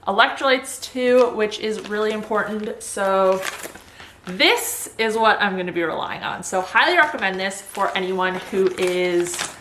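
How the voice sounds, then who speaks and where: Woman, bright forceful voice, casual vlog chat, upbeat and informal, roomy echo. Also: mid-range voice, a little slow, slight background noise. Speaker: vlogger sharing surgery recovery tips.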